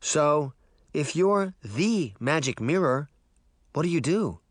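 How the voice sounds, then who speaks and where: Male reader as a polite, earnest little girl in a storybook, pitched up. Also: animated, slow, no room sound, studio quality.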